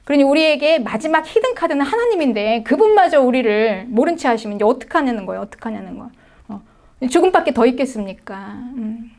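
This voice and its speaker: A middle-aged woman pastor delivers a sermon in a high, bright voice. Her pitch swings widely as she preaches. She presses her points with rhetorical questions and short affirming words. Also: big pitch swings, fast, few pauses.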